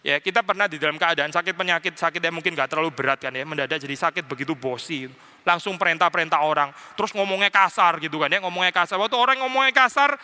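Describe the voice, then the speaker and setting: Lively preaching man in a reverberant church. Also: a little high, quick pace, clear, resonant tone. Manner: conversational preaching with English phrases and playful mimicry. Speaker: pastor. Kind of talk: sermon. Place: church sanctuary.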